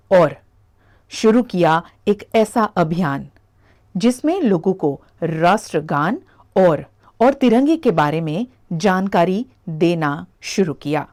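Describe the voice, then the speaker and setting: A woman reporter reading a scripted news voice-over in a measured, formal way. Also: fairly low pitch, a little mellow.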